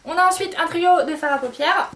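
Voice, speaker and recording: A woman's voice: very high voice, brisk, distant mic, noisy background. A woman beauty vlogger chatting casually to camera, hesitant and filler-heavy.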